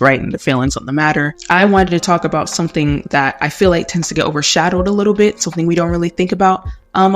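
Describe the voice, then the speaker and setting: A man with a fairly high voice talks casually to viewers as a video host, with informal asides. He is recorded through headphones used as a microphone in a bathroom. Faint music sits behind him. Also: a bit bright.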